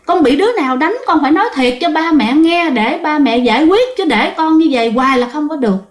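Woman playing a frantic, pushy mother, high-pitched, roomy echo. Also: expressive, a little fast. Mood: alarmed. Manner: urgent, insistent questioning. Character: worried, angry mother questioning her child.

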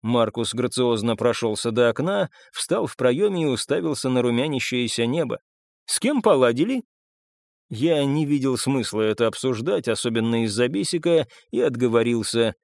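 A man narrating a first-person audiobook in a measured, even way. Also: mid-range voice, creaky, no room sound, studio quality.

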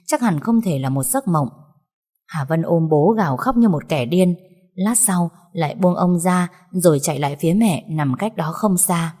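A woman narrates a story in a lowish, warm, husky voice. Her delivery is measured and somber, and a long reverb follows every phrase.

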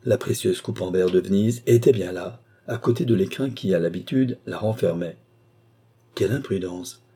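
Deep, dark-voiced male narrator. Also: moderate pace, slightly rough. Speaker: audiobook narrator. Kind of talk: audiobook narration.

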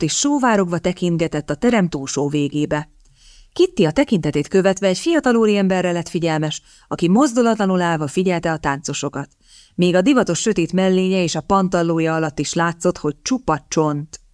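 A woman narrating an audiobook in a measured, expressive reading style. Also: fairly low pitch, no room sound, clean studio sound. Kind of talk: scripted narration.

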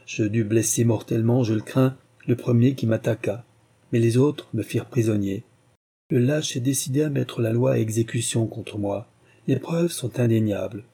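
A man's voice: medium pitch, moderate pace, warm tone, breathy edge. A man voicing a proud, resolute young soldier son in a read-aloud novel, speaking firmly and steadily.

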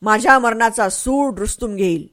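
A woman's voice: on the high side, normal speed, a bit bright, dry recording, clean studio sound, natural voice. A woman voicing a brave young male warrior, a dying son who speaks earnestly and pleads tenderly. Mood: proud.

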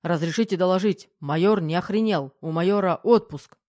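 A woman reading a cocky young army major who answers in loud, crisp military style. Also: sits low, little pitch movement, normal speed, dry recording, clean studio sound, close to an everyday voice. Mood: brash military. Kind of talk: audiobook character voice.

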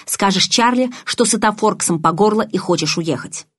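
A woman's voice: medium pitch, moderate pace, husky, no room sound, studio quality, voice pushed up, lightly acted. A woman reading an audiobook, voicing a stern young man who gives curt orders. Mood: commanding. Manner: curt, commanding.

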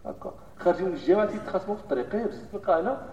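A man with a Moroccan accent preaching a Friday sermon, moving between hushed solemn recitation and loud animated scolding. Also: high voice, very fast, slight background noise. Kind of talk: Friday sermon in Moroccan Arabic mixed with classical Arabic. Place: mosque hall. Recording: echoey hall from far off, dull lo-fi sound.

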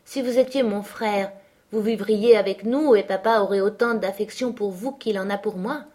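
A woman reading aloud, voicing an earnest, quick-tempered teenage girl with an eager, indignant manner. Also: medium pitch, darkish tone, natural voice.

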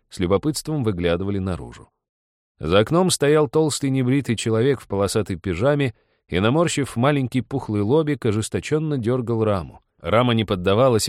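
Low-voiced man reading a story. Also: a little mellow, dry recording, studio quality. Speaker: narrator. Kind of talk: literary audiobook reading.

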